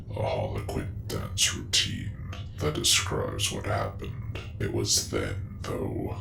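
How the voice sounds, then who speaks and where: A man acting out a gruff space marine in a whispered role-play, extremely deep and full of gravel. He recites old war lore slowly and solemnly, in a roomy echo with music behind him. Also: full character voice.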